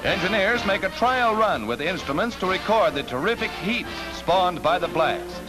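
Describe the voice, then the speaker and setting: Male 1940s newsreel announcer, emphatic and animated, old newsreel soundtrack over loud music. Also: high voice, moderate pace, low-quality recording. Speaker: newsreel narrator.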